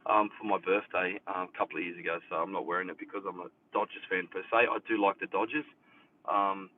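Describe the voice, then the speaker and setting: A man's voice: sits low, fairly even intonation, fast. A man with an Australian accent, a hairdresser, chatting casually with viewers from his mother's house. He rambles with many fillers and leans hard on his main points. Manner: rambling, filler-heavy, emphatic on key points. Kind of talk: casual live chat with viewers. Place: indoors at his mother's house, air conditioner running. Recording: tinny phone-like sound, distant from the mic, faint noise.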